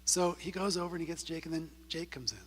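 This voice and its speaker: A man talks to a group like a counselor, telling a story and checking in with "right?" as he goes. His voice sits a bit high, with a husky grain. It rings with the long reverb of a church hall. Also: fast. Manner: storytelling, tags points with "right?". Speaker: counselor giving a talk. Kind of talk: conversational talk to a group.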